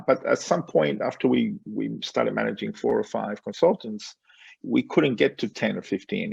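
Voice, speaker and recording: A man in his forties from Spain, telling his story as a guest on a video call, relaxed and full of fillers and small laughs. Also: medium pitch, vocal fry, slightly rough, no room sound, lo-fi sound. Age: 40s. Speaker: guest, company founder. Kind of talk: casual interview on a call.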